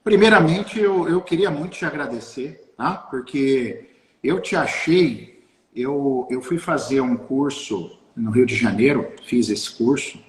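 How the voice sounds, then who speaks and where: A man hosting a live interview, talking warmly and effusively with lots of halting restarts. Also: medium pitch. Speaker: host. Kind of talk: live video-call interview. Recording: roomy, echoey sound.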